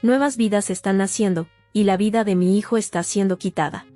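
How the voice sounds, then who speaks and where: A woman narrating a first-person testimony as a voice-over, in a steady, sober storytelling manner. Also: mid-range voice, a little fast. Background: faint guitar music.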